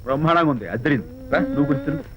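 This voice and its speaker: An actor playing a charming young hero who talks playfully and jokes in a film scene. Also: male voice, on the high side, wildly swooping pitch, racing, crowd noise. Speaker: lead hero. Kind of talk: Telugu film acting. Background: film score music.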